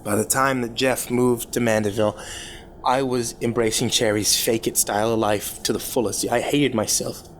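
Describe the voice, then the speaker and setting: A man performs a dramatic first-person horror monologue as a troubled rich young man confessing his cruel teenage past. His mid-range, natural voice holds a steady tone while he halts and stammers over repeated words, sounding guilty and confessional. Background noise is clearly audible in the recording.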